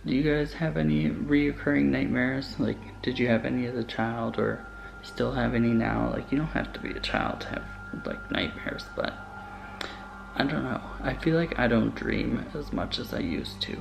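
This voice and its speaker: A young adult man with a gravelly voice telling stories in a casual, hesitant, rambling vlog style, recorded inside a house. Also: medium pitch, moderate pace, background noise. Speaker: vlogger. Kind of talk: casual vlog storytelling to camera. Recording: music bed under the voice. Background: background music.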